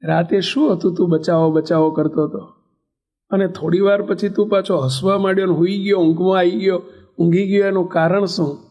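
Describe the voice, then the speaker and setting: A man, a monk, voicing a caring uncle in a sermon story, gently asking questions. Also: high-pitched, fairly even intonation, normal speed, dull audio, lightly acted. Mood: concerned.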